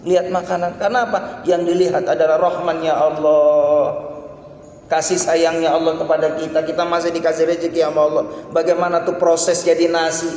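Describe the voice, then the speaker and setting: A male preacher delivers a sermon in a high, bright-set voice. He moves between emphatic, raised exhortations and quiet murmured prayers. The sound rings in a large hall with long, booming reverb and faint background noise. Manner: colloquial and animated, swinging between high emphatic calls and low murmured prayers. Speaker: Islamic preacher.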